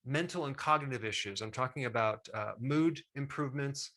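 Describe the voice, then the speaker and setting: A middle-aged man with a bright, forward voice talks straight to the viewer about health. His delivery is enthusiastic and emphatic, with a mid-range pitch and casual asides. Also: normal speed. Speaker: health educator host. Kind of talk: direct-to-camera health talk.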